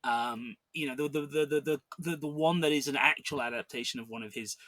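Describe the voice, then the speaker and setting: A man's voice: mid-range voice, fairly quick, fairly bright tone, no echo. A man co-hosting a podcast, talking casually about a film with frequent restarts and fillers. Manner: rambling, many restarts and fillers. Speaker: podcast co-host.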